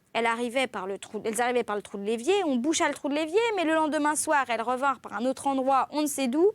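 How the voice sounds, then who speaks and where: This is a woman reading a classic novel aloud, in an expressive literary style. Her voice sits high, and the recording is close and dry with no room sound. She gives each exclamation a clear lift. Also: no room sound. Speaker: audiobook reader.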